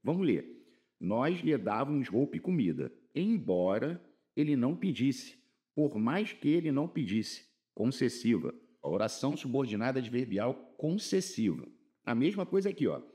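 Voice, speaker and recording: A Brazilian man teaching an informal grammar lesson for exam prep, slangy and upbeat, reading examples slowly and with emphasis. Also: medium pitch, big pitch swings, warm tone. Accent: Brazilian Portuguese.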